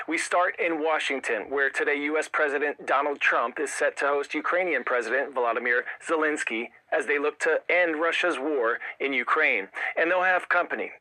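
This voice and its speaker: A man's voice: mid-range voice, sharp tone, rough recording. An American man anchoring a scripted news show in an upbeat, punchy, enthusiastic way.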